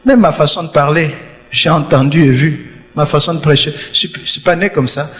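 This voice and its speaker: A pastor's sermon rings through a church hall, the recording drenched in long reverb. Fairly high, quick and bright, his voice drives home each point and circles back to key phrases.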